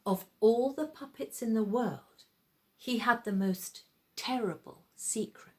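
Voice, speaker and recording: A woman with a voice on the high side reads a children's tale as a storyteller, narrating dramatically and expressively with deliberate phrasing and pauses.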